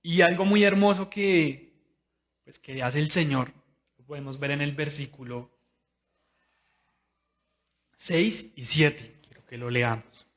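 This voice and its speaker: A man's voice: on the high side, takes it slowly, pauses often, fairly bright tone. Man preaching with a dull, lo-fi sound. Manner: conversational, personal preaching, addressing listeners directly. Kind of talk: sermon.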